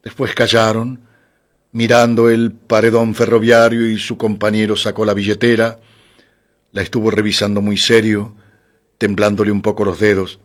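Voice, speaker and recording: A man giving a calm, scripted reading of a literary short story. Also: on the low side, normal speed. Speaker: audiobook narrator.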